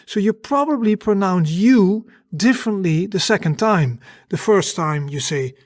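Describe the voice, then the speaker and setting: A language teacher giving a lesson, explaining step by step in a slow, patient way. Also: mid-range voice, animated, dry recording, clean studio sound.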